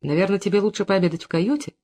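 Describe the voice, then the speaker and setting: An audiobook reader voicing a patient, slightly guilty husband who speaks softly and coaxingly. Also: medium pitch, lively intonation, fast. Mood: gentle. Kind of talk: audiobook character reading.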